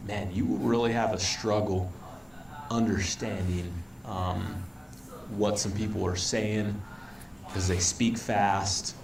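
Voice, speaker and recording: A man's voice: on the low side, fairly even intonation, slow pace, vocal fry. An American man telling a travel story in an easygoing, storytelling way, with frequent ums. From United States. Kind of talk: casual travel advice video. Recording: roomy, distant, faint background noise.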